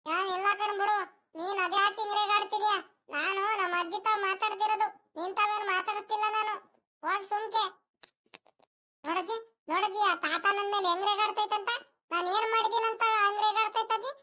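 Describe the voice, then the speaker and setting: A sulking, whiny village schoolboy from a cartoon, voiced by a performer, with a very high, bright voice. He grumbles and complains at a quick pace. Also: fairly even intonation. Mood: whining. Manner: whiny complaining rural speech. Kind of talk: animated cartoon voice acting.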